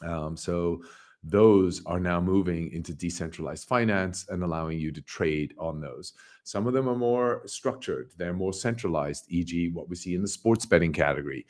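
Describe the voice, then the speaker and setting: A company founder hosts a casual livestream of market commentary in a slightly hoarse, deep, somewhat mellow voice at a normal speed. He rambles emphatically, repeating phrases and asking rhetorical questions.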